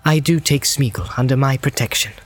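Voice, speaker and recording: A man voicing an earnest, polite young hobbit in an audiobook, lifting his voice softer and higher than his narration. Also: fairly quick, slightly rough, lightly acted. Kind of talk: audiobook character voice.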